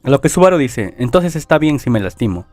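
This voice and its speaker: A man narrating an anime plot recap in a casual way, reading out the characters' lines without acting them and adding quick asides. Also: medium pitch, sing-song, a little mellow, no echo, soft background music. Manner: adds casual asides and self-corrections.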